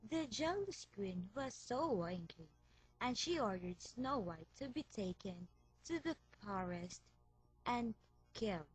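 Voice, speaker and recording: Slow breathy woman reading a fairy tale. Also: mid-range voice, sing-song, faint music behind, low-quality recording. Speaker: storyteller. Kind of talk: storybook read-aloud.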